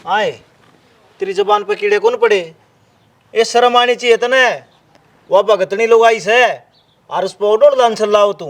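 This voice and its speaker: A man playing a proud, pious old village father, talking in a Haryanvi accent. His voice sits high for a man, and he lectures his family with wounded dignity. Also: fairly even intonation, measured pace, long pauses, a bit bright. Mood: scolding. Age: older.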